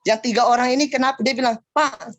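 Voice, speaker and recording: A man giving a spoken personal testimony at a church fellowship meeting over a video call. He tells his story emphatically, asks listeners rhetorical questions, and drops into a lower voice when he quotes people. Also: brisk, fairly bright tone. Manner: acts out quoted speech in a lower voice.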